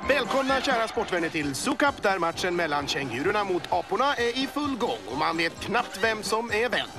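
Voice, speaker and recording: A man voicing an excitable male boa snake who commentates a cartoon sports match, working up to yells at the goals. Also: high-pitched. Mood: amused. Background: music.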